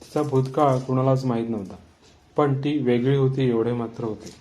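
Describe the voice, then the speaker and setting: A man tells a horror story in a calm, measured way. His voice is dark and mellow, steady in pitch.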